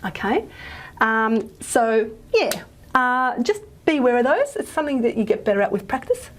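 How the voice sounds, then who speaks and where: A woman gives a relaxed recorded lecture on speech sounds. Her talk is loose and conversational, scattered with ums and "okay?" checks. She sounds out example consonants as she works at the board. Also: fairly high pitch, moderate pace. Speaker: phonetics lecturer.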